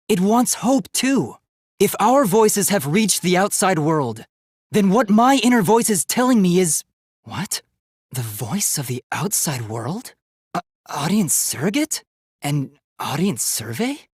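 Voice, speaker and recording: A man voices an earnest, determined, idealistic young male robot in a dramatic video game, using a youthful, light, slightly husky high voice and a formal, emphatic delivery. In this full character performance he sounds bewildered and shaken, captured in clean studio sound with no echo.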